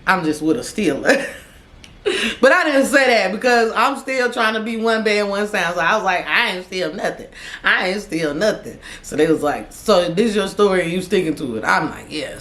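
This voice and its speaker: A woman's voice: expressive, normal speed, fairly bright tone. A woman vlogger telling a storytime to her viewers, dramatic, acting out each person and laughing as she goes. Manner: dramatic, talks to viewers as y'all; acts out voices with big pitch swings. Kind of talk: animated storytime. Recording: echoey room.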